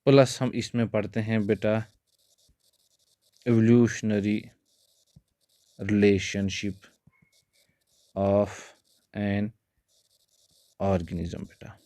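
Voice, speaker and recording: A male biology teacher goes over exam points in a steady lecture, calling students "beta" and slipping in English terms. His fairly low voice barely rises or falls, he speaks extremely slowly with frequent pauses, and the sound is dry and close with no room echo.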